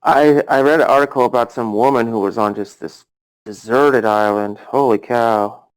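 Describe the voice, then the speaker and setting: A man with a mid-pitched voice hosts a loose online voice chat. He rambles, leans on "you know" and other fillers, and keeps cutting in over the others. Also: moderate pace, clean tone, poor audio. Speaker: voice chat host. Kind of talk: casual argumentative chat.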